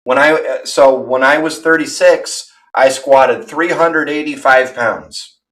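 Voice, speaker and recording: A man's voice: mid-range voice, slow pace, a bit bright. A man in his thirties chatting casually on a livestream, rambling and candid, poking fun at himself. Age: 30s. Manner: rambling, candid and self-deprecating. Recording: voice from far off the mic.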